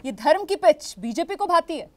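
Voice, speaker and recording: A woman news anchor moderates a heated televised debate. Her voice is high-pitched, and she firmly steers her guests back to the topic. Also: very animated, normal speed, warm tone.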